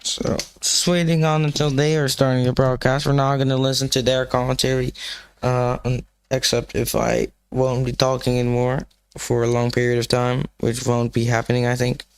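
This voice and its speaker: A man chatting casually as a livestream host, rambling with many fillers and restarts, his voice rough with morning sleep, alone in a room. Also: medium pitch, monotone, moderate pace, no echo. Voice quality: gravelly morning voice. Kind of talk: casual live-stream chat.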